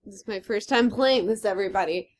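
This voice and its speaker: A woman's voice: mid-range voice, fast talker. A woman co-hosting a let's play video, chatting casually and joking. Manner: joking, playful. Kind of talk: casual gaming chat.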